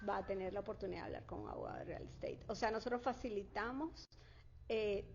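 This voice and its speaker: A woman with a fairly high, gravelly, warm voice talks in an interview about her work in real estate consulting in Florida. She's a native Spanish speaker who speaks fluently yet often uses fillers and starts over, and the dull lo-fi audio carries a bit of hiss or hum.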